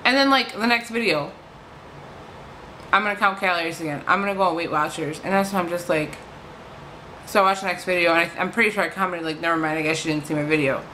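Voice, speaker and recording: A woman's voice: fairly low pitch, fast, pushed and bright, a little hiss or hum, poor audio. A woman vlogger ranting casually to camera, frustrated, swearing freely and filling her talk with "like".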